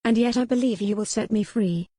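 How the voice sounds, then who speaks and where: In a dry, studio-quality audiobook recording, a woman with a fairly high, brisk, dark-toned voice lightly acts the part of a defiant, sharp-witted captive noblewoman. The strong-willed character's dialogue is formal, pointed and challenging, delivered in a solemn, resolute mood.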